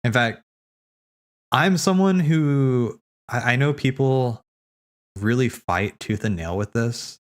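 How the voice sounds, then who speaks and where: A man hosts a watch party stream, rambling casually and thinking aloud, often repeating his words. He speaks slowly in a medium-pitched voice, leaving long pauses.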